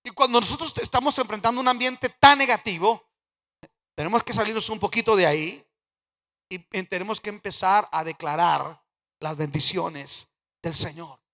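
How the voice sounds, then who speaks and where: A man preaching a sermon as pastor, swinging from loud emphatic declarations to quiet, low asides. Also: moderate pace. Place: church sanctuary. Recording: church hall with long reverb.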